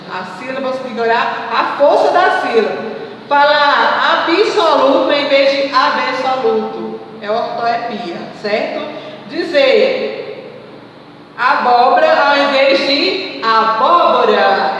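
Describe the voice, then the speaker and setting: Woman teacher, high and unhurried, distant mic in a reverberant room. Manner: slow, didactic, asks rhetorical questions then answers them. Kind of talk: recorded remote class lesson. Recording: echoey room, voice far from the mic, faint noise.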